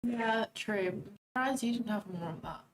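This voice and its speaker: A woman's voice: a little high, moderate pace, a crowd in the background. Dry-teasing woman. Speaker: co-host friend, returning trader. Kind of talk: casual chat.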